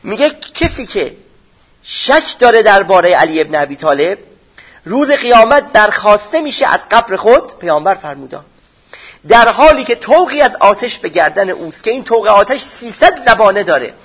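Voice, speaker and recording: Guy giving a religious lecture, husky and kinda raspy, high voice, explains stuff in plain talk. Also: sing-song, fairly bright tone. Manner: explains texts in plain everyday speech.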